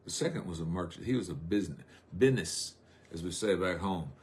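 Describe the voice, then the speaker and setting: A middle-aged man, preaching a folksy, rambling sermon on a live stream with drawn-out emphasis. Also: low voice, a little mellow.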